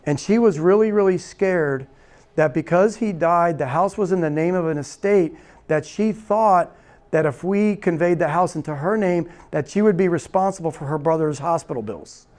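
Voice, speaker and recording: A man's voice: on the high side, moderate pace. A man teaching a real estate investing seminar, telling a story and acting out the dialogue, often checking in with "right?". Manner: animated storyteller, acts out quoted dialogue, repeats "right?". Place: seminar room.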